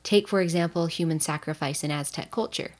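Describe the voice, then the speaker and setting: A woman's voice: low-pitched, a little fast. A woman who is a history teacher, giving a scripted educational narration with playful, jokey asides.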